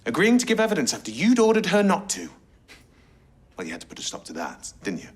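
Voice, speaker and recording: Casting: a formal, accusing prosecutor in courtroom drama, fairly high male voice with animated swings. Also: quick pace. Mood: pressing. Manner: formal, pointed, rhetorical tag questions. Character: relentless male prosecuting barrister, accusing, controlled. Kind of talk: TV soap courtroom drama acting.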